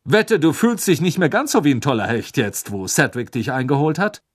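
A man doing a loud, boastful middle-aged father. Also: on the high side, animated, moderate pace, slightly rough, pitched above the performer's own voice. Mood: scornful. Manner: loud, pushy.

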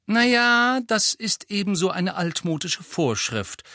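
Sharp-minded schoolgirl, firm and know-it-all, read by a man, pitched up, dry close sound. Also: sing-song, a little slow, dry recording, full character voice. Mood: explaining. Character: clever teenage girl, principled, bossy.

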